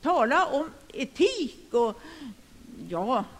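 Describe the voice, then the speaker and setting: High-voiced older man preaching in a hall. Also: sing-song. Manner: emphatic, with sudden loud declarations. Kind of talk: sermon. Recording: long hall reverb.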